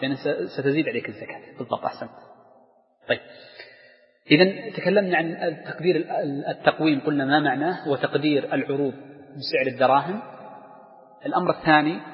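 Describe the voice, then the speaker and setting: A man teaching jurisprudence to a class, explaining step by step with worked examples and questions to his students. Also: a little high. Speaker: sheikh teaching Islamic jurisprudence. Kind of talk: lecture to students. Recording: dull lo-fi recording with long hall reverb.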